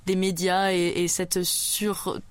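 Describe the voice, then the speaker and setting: A woman's voice: lowish voice, flat delivery, slow, clear, resonant tone, no echo. A woman, answering as a festival organizer in a radio interview, hesitant with many fillers. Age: 20s.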